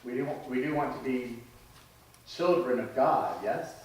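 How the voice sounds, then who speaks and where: A man's voice: mid-range voice, unhurried, a little mellow. A man in his thirties preaching a sermon in a conversational way, with restarts and asides. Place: church sanctuary. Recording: echoey church hall, from far off.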